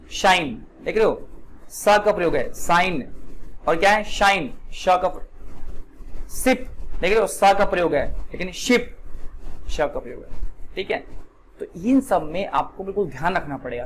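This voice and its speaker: A man's voice: high-pitched, slight background noise. A man teaching a spoken English class, keeps asking his students questions and repeating the answers back. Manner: repetitive call-and-response questioning. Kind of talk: classroom lesson.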